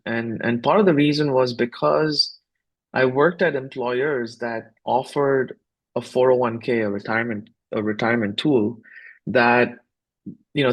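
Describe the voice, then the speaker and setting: A man in his fifties who grew up in India, a founder answering podcast questions in a reflective, measured way with frequent fillers and restarts. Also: mid-range voice. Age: 50s. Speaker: guest, startup founder. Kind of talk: casual podcast interview.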